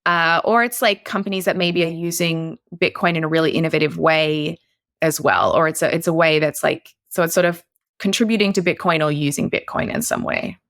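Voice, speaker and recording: A woman's voice: low voice, fairly quick, a bit bright, no echo, clean studio sound. A woman from Australia, a guest investor on a podcast interview, chatty with many fillers and restarts.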